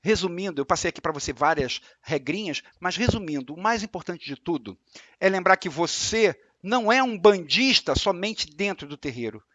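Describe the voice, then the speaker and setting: A religious lecturer with a Brazilian Portuguese accent gives a spiritual talk, explaining calmly and repeating his points with examples. His voice sits high and the audio has no echo.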